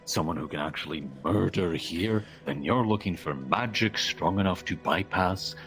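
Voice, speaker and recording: A man playing a gruff veteran inquisitor soldier in an online roleplay, with his voice run through a voice changer. He talks in a laid-back, dry way. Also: moderate pace, a bit bright, soft background music. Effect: voice changer lowering the voice. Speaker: roleplay player. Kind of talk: in-character roleplay chat.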